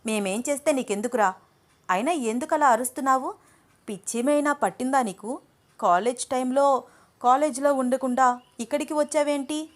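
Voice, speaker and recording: A feisty young woman in an audio story snaps back at anyone who crosses her, as a woman narrator puts her on. Her lines come a little higher and brighter than plain narration. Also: normal speed, natural voice. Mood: indignant. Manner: teasing, then sharp and scolding. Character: young woman Ananya, bold and quick-tongued.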